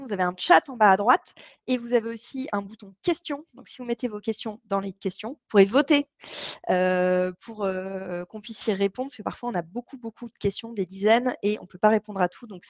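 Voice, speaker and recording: A woman of middle pitch leads an online training session. She explains things in a chatty, friendly-paced way, often pausing on fillers as she goes. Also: muffled recording. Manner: chatty and explanatory, with frequent hesitations. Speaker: co-founder and trainer.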